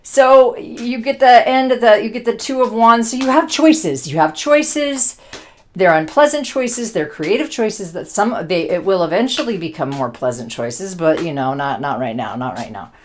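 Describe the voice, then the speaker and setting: Animated, blunt joking woman tarot reader. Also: medium pitch, normal speed, few pauses. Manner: blunt, joking, swears freely. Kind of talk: casual tarot reading.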